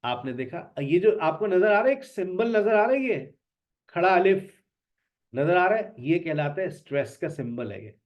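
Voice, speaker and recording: A man's voice: high voice, animated, normal speed. A man teaching an online spoken English lesson, repeating words with emphasis to drill them. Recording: dull lo-fi sound.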